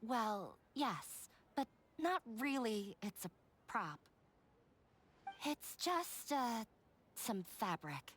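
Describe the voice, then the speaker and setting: A woman's voice: a little high, very animated, drawn-out words, fairly bright tone, slight background noise, exaggerated voice. A woman voicing a shy, self-doubting young woman in a game, hesitant and nervously stammering. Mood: flustered. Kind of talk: English game dub voice acting.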